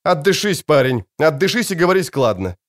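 A man voicing a grim male army commander who speaks in a gruff, curt way. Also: a little high, very animated, brisk, pitched above the performer's own voice.

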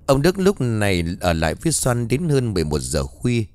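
Expressive male audiobook narrator. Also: medium pitch, fairly quick. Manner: expressive, dramatic storytelling. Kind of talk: story narration.

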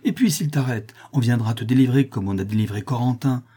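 A man's voice: mid-range voice, fast talker, warm tone, breathy edge, natural voice. A man voicing a cunning schemer who gives firm, persuasive orders in an audiobook. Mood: commanding. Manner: commanding, persuasive.

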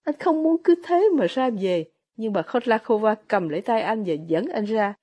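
A woman reading a novel aloud in steady scripted narration. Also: fairly high pitch, normal speed. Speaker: audiobook narrator.

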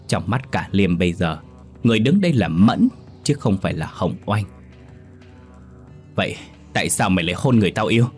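A man reading a ghost story aloud in scripted narration, steady and solemn. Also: deep voice. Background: faint music.

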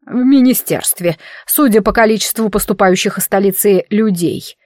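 A sarcastic talking wardrobe with a man's air of mock drama, teasing and grumbling in a voice pitched a touch above a middling one, as a woman reading a fantasy audiobook puts him on. The sound is dry and close, with no room around it. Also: moderate pace, darkish tone, no room sound, close to an everyday voice.

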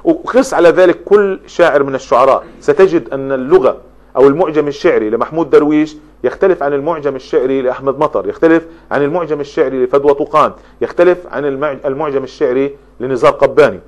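A man's voice: medium pitch, quick pace. A man giving a spoken lecture on poetry, explaining step by step and running through long lists of examples. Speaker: literature lecturer.

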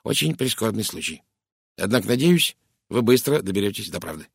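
Man voicing curt English spinster, audiobook; gravelly low tone, dry read, blunt and cutting. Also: big pitch swings, brisk, no room sound, exaggerated voice. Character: stern brusque middle-aged English spinster. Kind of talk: audiobook character reading.

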